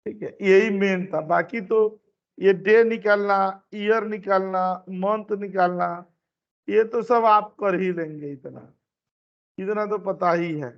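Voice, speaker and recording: A male instructor with a high, gravelly voice talks an online class through each step, circling back over his own phrases. The sound is dull and lo-fi, like a meeting recording from a computer mic. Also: fairly even intonation, slow. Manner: explains step by step, repeats phrases. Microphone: computer mic on a video call.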